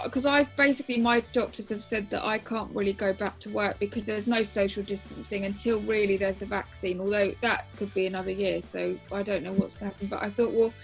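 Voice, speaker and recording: A woman's voice: medium pitch, gravelly, poor audio. A woman in her twenties telling her own story frankly as an interview guest, with many restarts. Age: 20s.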